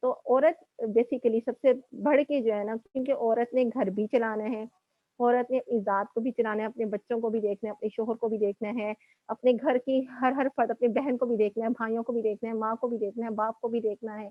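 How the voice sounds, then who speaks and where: A woman's voice: fairly high pitch, steady tone, no room sound, narrow, tinny audio. A woman motivational speaker lecturing young women in a conversational way, often checking in with "okay" and mixing in English words. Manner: conversational, repeats "ٹھیک ہے" and mixes in English words.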